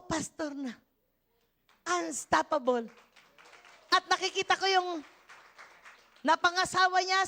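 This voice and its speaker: An older woman from the Philippines preaching a church sermon, animated, breaking into shouted hallelujahs and laughter. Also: very high voice. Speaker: pastor. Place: church service.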